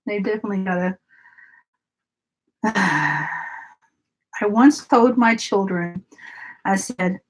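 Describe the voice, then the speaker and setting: A woman's voice: mid-range voice, low-quality recording. A woman, chatting casually with viewers during a craft live stream and often laughing. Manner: chatty, giggly, talks to viewers by name.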